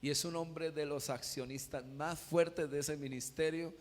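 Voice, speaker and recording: Pastor man preaching, kinda high voice, big echo in the church hall, shouts then goes quiet telling stories. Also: steady tone, unhurried. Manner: preaching with loud rising shouts and quiet storytelling asides. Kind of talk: sermon. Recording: hall reverb.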